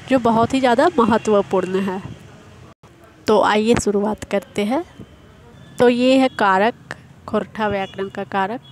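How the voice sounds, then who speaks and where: A woman speaking at an unhurried pace in a mid-pitched voice, teaching an exam-prep grammar lesson. She explains step by step and repeats each example. Faint background noise and distant traffic sit behind her voice.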